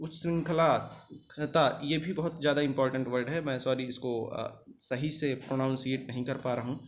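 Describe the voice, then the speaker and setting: A man's voice: medium pitch, darkish tone. Male exam-prep tutor, Hindi accent, mid-range voice, drilling tone, faint background noise. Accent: Hindi, North Indian. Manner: repetitive, drilling, reminding students to remember. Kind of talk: online spelling lesson.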